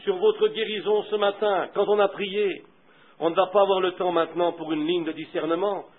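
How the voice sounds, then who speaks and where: Fervent high-voiced preacher, tinny old recording. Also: male voice, steady tone, normal speed. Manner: fervent, swings from hushed to loud. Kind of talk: sermon with a story and prayer.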